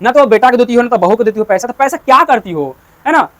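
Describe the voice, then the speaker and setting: A man's voice: very high voice, lively intonation, quick pace, a bit bright. A man voicing a frightened village dairywoman, pleading and repeating her complaints, retelling a story in class.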